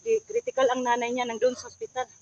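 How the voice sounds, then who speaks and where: A woman vlogger stepping in to calm two arguing friends. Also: sits high, fast, no echo, muffled recording. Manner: pleading, peacemaking. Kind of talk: mediating a staged argument.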